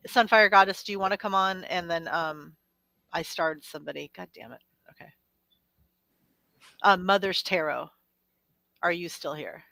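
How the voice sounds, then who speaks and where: Woman host, casual live-stream chatter, offhand and laughing, crisp clear tone. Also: on the low side, normal speed, pauses often, bright, forceful tone, no room sound.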